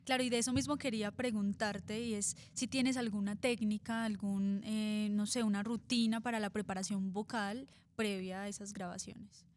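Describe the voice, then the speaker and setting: A woman's voice: mid-range voice, fairly even intonation, moderate pace, hardly any pauses, a little hiss or hum. A woman interviewing a guest, giving short backchannels and finishing his phrases. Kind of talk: interview questions.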